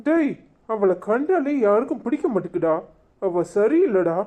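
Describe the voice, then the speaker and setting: A woman's voice: mid-range voice, sing-song, normal speed, phone-quality sound, natural voice. A woman voicing a harsh father in a cartoon, blunt and scolding, with a Tirunelveli Tamil accent. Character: gruff, harsh father and husband.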